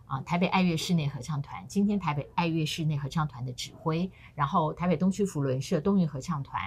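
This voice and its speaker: A woman's voice: sits low, quick pace, husky. A middle-aged woman co-hosting a casual talk show, telling stories animatedly and acting out the people she quotes. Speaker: co-host.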